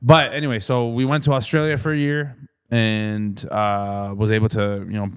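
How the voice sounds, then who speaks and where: A man's voice: on the low side, flat delivery, normal speed, clear, resonant tone, no room sound. Brief: young man from Canada, loose rambling podcast guest, dry close sound. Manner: rambling, many fillers and restarts. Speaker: comedian guest. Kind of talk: casual podcast chat.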